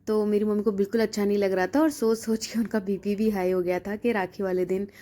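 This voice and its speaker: A woman's voice: medium pitch, flat delivery, quick pace, dark tone. Chatty young woman vlogging. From India. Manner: chatty, laughs often, teasing. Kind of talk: casual vlog narration.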